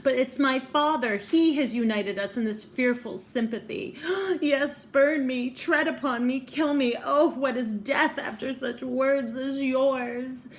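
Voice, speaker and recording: A woman's voice: high voice, unhurried, hardly any pauses, pitched above the performer's own voice. A woman voicing a lonely, heartbroken young woman who begs for pity in tearful, old-fashioned speech. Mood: pleading. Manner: tearful pleading.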